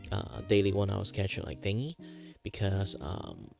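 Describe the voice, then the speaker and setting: A man's voice: low-pitched, a little slow, gravelly. A man hosting a livestream in casual chat, rambling and hesitant with a self-deprecating manner. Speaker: livestream host, virtual streamer. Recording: music playing behind the voice. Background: background music with guitar.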